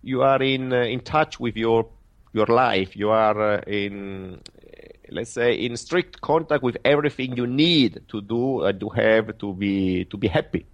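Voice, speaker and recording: A man with an Italian accent speaks in a somewhat low voice, giving interview answers in careful, halting English. He pauses often, restarts his sentences and fills the gaps with "uh". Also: lo-fi sound. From Italy. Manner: halting, many fillers and restarts. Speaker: guest trader.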